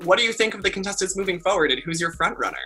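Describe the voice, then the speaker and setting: A man's voice: high-pitched, expressive, very fast, bright, forceful tone. A man co-hosting an entertainment show, chatting casually and gushing as a fan, with music faint behind. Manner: enthusiastic, gushing fan talk.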